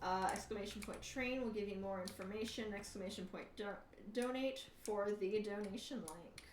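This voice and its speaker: A woman's voice: medium pitch, moderate pace, far from the mic. A woman livestreaming a game, thinking aloud and chatting to viewers with dry, wry humor. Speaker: livestreamer hosting a charity gaming stream. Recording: roomy echo, off-mic, faint background noise.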